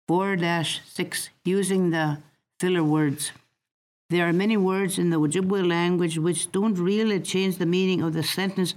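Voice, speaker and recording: A woman gives a recorded language lesson in a somewhat low voice. She speaks very slowly and carefully, repeating words so learners can follow. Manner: slow, deliberate, repeats words for practice. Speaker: language teacher.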